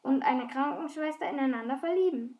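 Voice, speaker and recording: A woman's voice: high voice, fairly quick, darkish tone, lightly acted. A woman reading the part of an eager, earnest young girl in a storybook, asking insistent questions.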